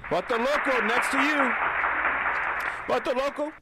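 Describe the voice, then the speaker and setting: A man's voice: very high-pitched, steady tone, a little slow, over a noisy crowd, low-quality recording. A man hosting a comedic trivia quiz, making theatrical, punchy announcements over music. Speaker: game show host.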